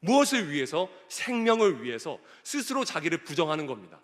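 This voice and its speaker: Man, pastor, sermon, high voice, lively and expressive pitch, asks the congregation questions. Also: fairly quick. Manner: asks the congregation questions and reads scripture aloud. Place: church sanctuary. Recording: echoey church hall.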